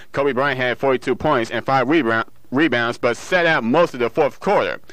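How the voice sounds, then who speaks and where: A radio newsreader and music DJ reads local news, sports and weather from the studio in a local broadcast style, with the odd stumble followed by a self-correction. His voice is mid-range and a bit bright. The recording is dry and rough.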